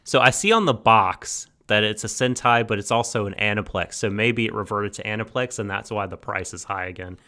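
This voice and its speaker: A man co-hosting a casual podcast chat, chatty and quick to laugh. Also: on the low side, pushed and bright. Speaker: podcast co-host.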